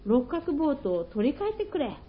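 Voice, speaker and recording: A woman's voice: high voice, sing-song, a little slow, slight background noise, pitched above the performer's own voice. A woman voicing a greedy, envious male fox in a folktale, asking eagerly and wheedling. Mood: pleading. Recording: dull lo-fi recording.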